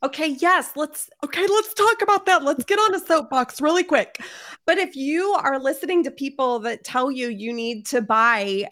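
Upbeat host woman with a slightly high voice, affirming and enthusiastic. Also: animated, normal speed, a bit bright. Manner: enthusiastic, affirming, says amen. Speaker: podcast host. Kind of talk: casual interview chat.

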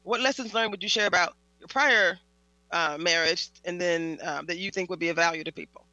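Bright, forceful woman hosting an interview. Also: lowish voice, fairly quick, no room sound, highs cut off, soft background music. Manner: animated, laughs often, many restarts. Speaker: host. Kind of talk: conversational interview.

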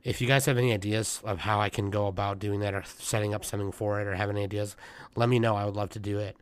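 A young man hosting a casual podcast, hoarse and congested, rambling with lots of fillers and swearing. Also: fairly low pitch, steady tone, quick pace, no echo. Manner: rambling, profane, many fillers. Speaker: podcast host. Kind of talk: casual chat.

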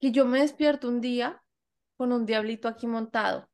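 A woman's voice: fairly high pitch, steady tone, normal speed, darkish tone. A young Colombian woman co-hosting a podcast, chatting casually, laughing often and acting out bits of dialogue. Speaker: podcast co-host. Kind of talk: casual chat.

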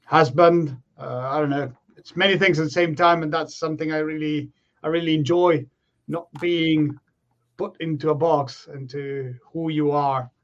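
Heard over a slightly dull, lo-fi remote call, an Argentine professional rugby player in his 30s is a guest on a podcast. His voice sits a bit high for a man, and he answers in a relaxed, reflective manner, often pausing on fillers.

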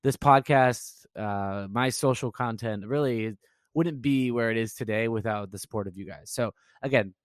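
A man's voice: medium pitch, moderate pace, no echo, studio quality. A man hosting a podcast, wrapping up the episode in an upbeat, thankful, casual way. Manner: upbeat, thankful, plugging the show. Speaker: podcast host.

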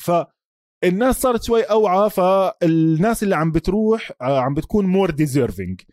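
A man's voice: high-pitched, expressive, normal speed, a little mellow, dry recording, clean studio sound. A man with a Palestinian-Jordanian Levantine Arabic accent co-hosting a casual sports discussion, mixing English sports terms into his Arabic. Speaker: sports podcast host.

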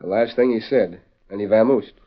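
A man's voice: lowish voice, brisk, close to an everyday voice. A man playing a plainspoken, suspicious small-town sheriff in an old radio western, full of folksy frontier slang. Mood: wary, suspicious. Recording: dull lo-fi old radio recording.

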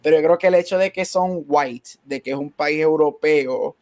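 A man's voice: a little high, moderate pace, darkish tone. A man co-hosting a casual podcast chat, reasoning things out and switching often between Spanish and English. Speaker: podcast co-host.

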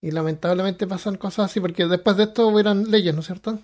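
A woman co-hosting a podcast, reading out listener comments in casual chat with lively interjections. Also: medium pitch, fast.

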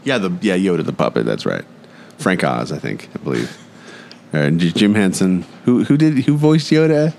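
A man's voice: low voice, very animated, normal speed, creaky, darkish tone, a little hiss or hum. A man co-hosting a podcast from a recording studio, bantering casually, joking about himself and laughing often. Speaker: podcast co-host. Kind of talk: casual chat.

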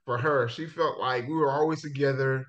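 Speaking at normal speed, a middle-aged Jamaican football coach at a high school walks through his life story in a casual, relaxed interview. He laughs and restarts now and then, and the audio sounds dull and lo-fi.

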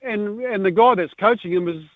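A man's voice: high-pitched, normal speed, no echo. A man with a New Zealand accent calling a radio phone-in, chatting about sport in matey, blokey banter. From Northland, New Zealand. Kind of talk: casual sports chat. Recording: tinny phone line.

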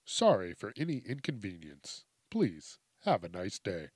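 A man putting on a calm, flat robot voice like an automated phone system reading polite recorded messages. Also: fairly low pitch, measured pace, husky, dry recording, studio quality, voice pushed down, heavily acted. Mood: robotic calm.

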